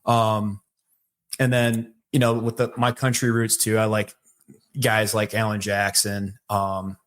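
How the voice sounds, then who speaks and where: A man with a Michigan accent, a podcast guest telling his life story in a relaxed, rambling way with many fillers. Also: fairly low pitch, slow pace. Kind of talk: casual storytelling conversation.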